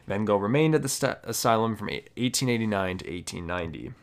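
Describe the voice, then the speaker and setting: A young man presenting art history in a casual, halting way, often stopping to correct how he pronounces names. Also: fairly low pitch, animated. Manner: hesitant, many fillers and restarts, self-correcting pronunciations. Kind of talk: casual educational narration.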